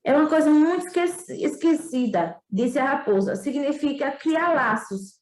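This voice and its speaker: A woman with a Northeastern Brazilian accent voicing a wise, patient female fox who explains things calmly. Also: sits high, normal speed, reverberant, low-quality recording. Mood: explaining.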